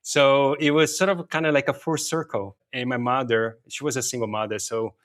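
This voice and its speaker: A middle-aged Brazilian man, a native Portuguese speaker with a Brazilian accent, answers interview questions as a guest in his role as a technology and payments executive. His mid-range, fairly bright voice keeps a fairly even intonation at a moderate pace. He explains things conversationally, often saying "you know" and "right."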